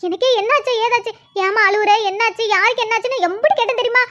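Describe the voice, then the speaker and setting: A woman's voice: extremely high pitch, fast talker, sharp tone, muffled recording. A woman voicing a worried, tearful village mother, in a cartoon. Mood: fretful. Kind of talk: cartoon voice acting.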